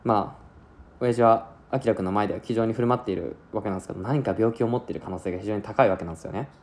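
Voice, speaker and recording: A man's voice: fairly low pitch, very fast, a little mellow. A man recapping an anime plot in a chatty, casual way, acting out lines as he goes. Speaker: anime reviewer.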